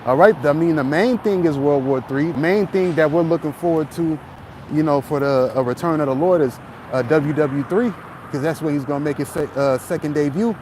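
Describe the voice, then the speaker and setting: A man giving a casual, halting religious monologue while walking, repeating phrases as he goes. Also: a little high, darkish tone. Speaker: religious vlogger. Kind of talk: casual walk-and-talk preaching monologue. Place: outdoors on a street with passing trucks. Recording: noisy outdoor street, passing traffic. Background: traffic and vehicle noise.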